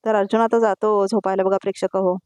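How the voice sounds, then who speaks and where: A woman's voice: medium pitch, flat delivery, fast, darkish tone, smooth, no echo. A woman with a Marathi accent narrating a voice-over recap of a TV serial, talking to viewers. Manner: addresses viewers, quotes dialogue in turn.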